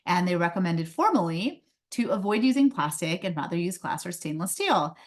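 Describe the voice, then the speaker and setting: Her voice sits on the low side and swings widely in pitch, moving at a normal speed. This Indian-raised woman, a pediatrician who founded a company, delivers a conversational webinar presentation by video call, full of "um"s and light laughter.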